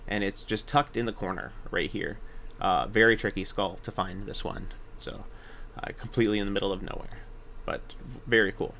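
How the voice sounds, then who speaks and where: A man narrates a video game walkthrough casually, hesitating and correcting himself as he gives directions. His voice is on the low side and gravelly with a fairly bright tone, at normal speed, over slight background noise.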